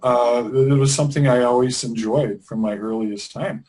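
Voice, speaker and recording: A middle-aged man from Wisconsin, USA, with a mid-range voice and moderate pace, appears as an interview guest; he trains English teachers. He talks in a relaxed, easygoing, rambling way during the conversational interview, often restarting sentences and using fillers.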